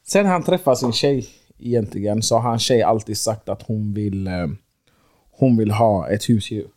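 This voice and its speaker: A man co-hosting a casual podcast chat, calmly telling a story about a friend. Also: on the low side. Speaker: podcast co-host.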